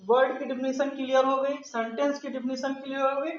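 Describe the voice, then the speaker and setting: A man with a Hindi accent leads a grammar lesson in a very high voice, stopping over and over to ask his class questions. The room throws his voice back, and the sound is dull and lo-fi. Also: level tone, brisk, reverberant. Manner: explains step by step with repeated rhetorical questions. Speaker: English grammar teacher.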